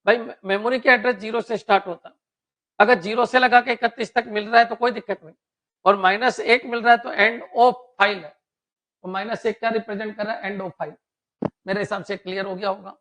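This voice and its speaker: A male computer teacher giving a classroom lecture, often asking his students if it is clear. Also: high-pitched, fairly even intonation, fairly quick, a bit bright, poor audio. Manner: keeps checking students with "clear?".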